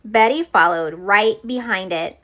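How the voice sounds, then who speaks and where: A woman reads a children's picture book aloud as the storyteller, her voice at a medium pitch. She phrases each line expressively and deliberately for young listeners.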